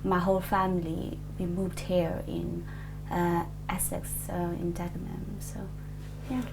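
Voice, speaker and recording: A woman's voice: on the low side, monotone, measured pace, vocal fry, background noise. A woman in her twenties from Nepal, answering an oral history interview hesitantly, with many fillers and restarts. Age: 20s.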